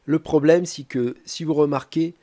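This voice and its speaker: A man presenting a step-by-step tech tutorial, talking calmly with frequent hesitant filler pauses. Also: fairly high pitch.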